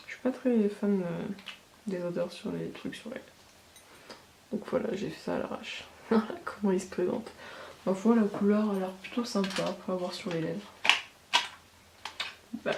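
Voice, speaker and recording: A woman's voice: mid-range voice, creaky, dark tone. A woman giving a casual beauty haul review, chatty and full of hesitations. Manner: chatty, many fillers and hesitations. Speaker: beauty vlogger. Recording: echoey room with background noise.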